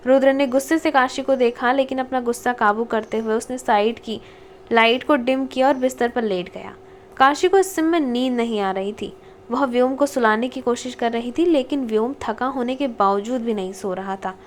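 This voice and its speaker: A woman narrating a romantic audiobook in a steady storytelling manner. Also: fairly high pitch, moderate pace, a little hiss or hum. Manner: steady storytelling, reads dialogue tags.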